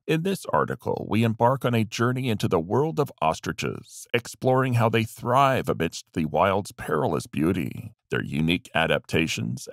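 Deep gravelly male documentary narrator. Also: a bit bright, dry recording, studio quality. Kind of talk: scripted wildlife documentary narration.

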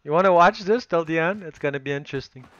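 Fast and fairly high-pitched, with dull audio, this man alternates French and English as he streams a shooter game from a room at home through a headset. He's in his thirties, from Poland with Polish as his first language, and grows excitable whenever he calls out cheaters.

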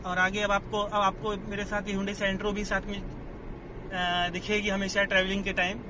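A young male vlogger chats casually about his travels while driving, then continues outdoors at a fort, mixing in English phrases along with hesitant fillers. His voice is high-pitched and monotone, delivered at a measured pace. Road and car noise fill the background.

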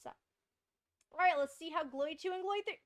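A bubbly young woman rambles through casual gameplay chat while streaming, laughing often. She has a very high voice and a brisk pace.

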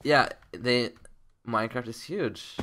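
Bright-voiced joking young man gamer. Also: mid-range voice, takes it slowly. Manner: joking, playful banter. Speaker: gaming channel co-host. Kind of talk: casual gameplay chat.

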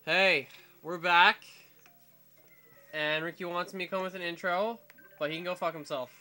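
A man's voice: high voice, fairly even intonation, fast, sharp tone, soft background music. A man opening a gaming video with blunt, crude humor. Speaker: gamer playing with friends. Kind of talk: casual let's-play banter.

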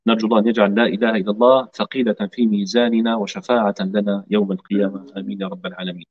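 A man leads an online recitation lesson, steadily explaining how each letter is formed. He stretches out sounds for his students to copy. The audio is dull and lo-fi. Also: fairly low pitch. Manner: slow, demonstrative, drills sounds for students to repeat. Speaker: tajweed teacher.

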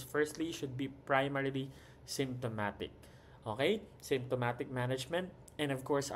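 Young man, Filipino accent, nursing review lecture, mid-pitched voice, faint background hum. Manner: mixes English and Tagalog, repeats key points, frequent "okay?".

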